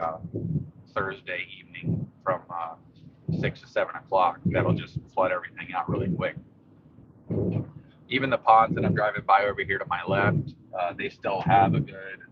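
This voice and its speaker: Low-voiced man talking over loud driving noise. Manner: rambling, matter-of-fact observations. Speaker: local vlogger giving a storm update while driving. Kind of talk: casual live commentary. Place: inside a moving car in rain. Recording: dull lo-fi audio, steady car and rain noise.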